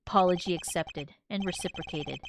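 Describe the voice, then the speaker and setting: A woman's voice: on the low side, pitched below the performer's own voice, close to an everyday voice. A woman voicing a composed male prosecutor who speaks formally and carefully. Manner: measured and formal. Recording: game music behind the voice.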